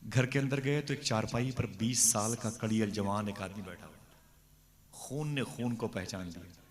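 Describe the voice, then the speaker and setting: A low-pitched male preacher narrates a devotional story with lively energy, slipping into the characters' voices and turning to his listeners with questions. His voice carries the long reverb of a large gathering hall. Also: normal speed. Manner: animated, acts out dialogue, questions the audience. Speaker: religious speaker at a devotional gathering. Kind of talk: sermon storytelling.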